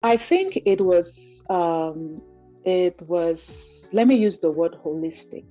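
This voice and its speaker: A woman from Cameroon speaks in a notably low voice, earnest and reflective, often leaning on "you know" as she explains. The call audio is dull and lo-fi, with faint music underneath. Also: slow. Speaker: guest giving a client testimonial. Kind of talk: conversational interview over a call.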